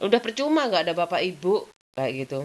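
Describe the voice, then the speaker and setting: A low-pitched woman vlogger, talking casually about her own life. She rambles in a chatty way, circling back with the same filler phrases. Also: sing-song, fast talker, darkish tone. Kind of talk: casual personal storytelling.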